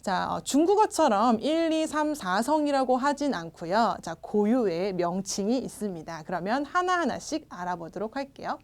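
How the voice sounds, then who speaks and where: Upbeat woman teaching pronunciation, lively pitch. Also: moderate pace, hardly any pauses. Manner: patient, starts phrases with "자" and models sounds twice. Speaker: language teacher. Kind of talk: recorded pronunciation lesson.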